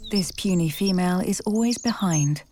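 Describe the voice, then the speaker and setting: A woman's voice: fairly low pitch, normal speed, noisy background. A woman reading scripted narration for a wildlife documentary.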